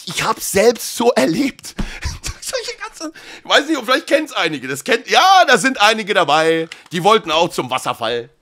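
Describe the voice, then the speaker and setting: A man streaming a reaction, joking and talking to his chat in an animated way. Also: high-pitched, moderate pace, few pauses. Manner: animated, jokey, talks to chat.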